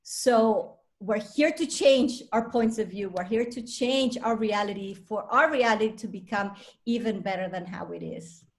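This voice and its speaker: A woman's voice: medium pitch, moderate pace. A woman in her fifties from Venezuela, a coach giving a chatty, self-assured talk to a live audience. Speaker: speaker and coach.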